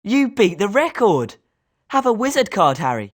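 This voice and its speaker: She sounds congratulatory this time, a British woman giving scripted lines for a confident, sporting schoolboy wizard who loves to compete in a video game. Her mid-range voice is sing-song and moves at normal speed.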